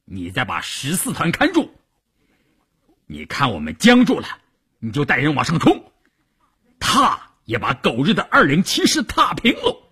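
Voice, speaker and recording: A man voicing a hot-tempered army division commander who shouts orders and curses, with a husky voice. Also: fairly high pitch, wildly swooping pitch, a little slow, long pauses, full character voice. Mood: furious commanding.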